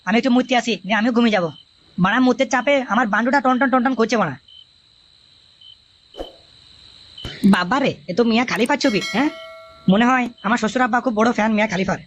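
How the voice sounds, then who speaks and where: A woman voicing a hot-tempered, foul-mouthed young male son-in-law in a cartoon, grumbling and cursing rapidly. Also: a little high, a little hiss or hum, natural voice. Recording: dull lo-fi audio.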